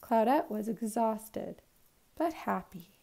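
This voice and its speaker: Reading a picture book to young children, a primary school teacher from Canada takes it slowly and expressively, phrasing clearly as at story time. Her voice is a little high but soft and mellow, with a noticeable creak.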